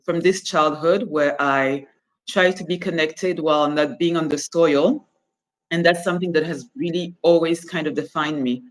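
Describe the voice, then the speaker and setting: Heard on a rough recording, a deep-voiced woman in her forties from Cameroon talks reflectively about her life. She's the founder of a fashion brand, speaking in an interview conversation.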